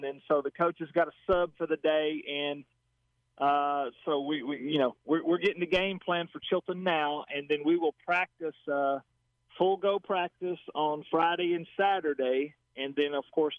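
A man's voice: a little high, no room sound. American male coach on a tinny phone line. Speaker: high school football coach. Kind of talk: casual phone interview.

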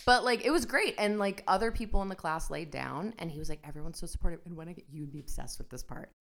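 A woman in her thirties co-hosting a podcast, chatting casually and telling animated stories, acting out the voices of people she quotes. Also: on the low side, fast talker, vocal fry. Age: 30s. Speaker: podcast co-host. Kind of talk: casual chat.

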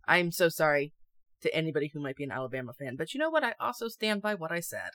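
A young woman co-hosting a casual chat and reading stories aloud, chatty and quick to laugh. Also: sits low, very animated, a bit bright, dry recording. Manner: chatty and giggly. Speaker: podcast co-host.

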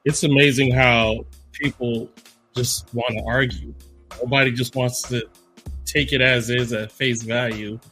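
A man co-hosting a podcast, talking in a relaxed, agreeable way and often answering with short affirmations. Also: mid-range voice, a little slow, soft background music. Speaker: podcast co-host. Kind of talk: casual chat.

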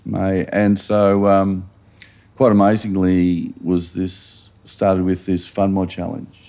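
Male podcast host, low mellow voice, laid-back questions. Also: takes it slowly, gravelly. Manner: relaxed, short prompting questions. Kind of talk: casual interview chat.

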